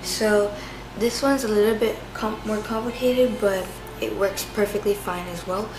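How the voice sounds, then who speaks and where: A woman's voice: medium pitch, fairly even intonation, moderate pace, echoey room, noisy background. A woman demonstrating a recipe at her kitchen counter in a casual, chatty way, filling her steps with "like" and "so". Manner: chatty, loose, full of "like" and "so". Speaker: home cooking vlogger. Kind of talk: casual step-by-step cooking demonstration. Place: home kitchen countertop, indoors.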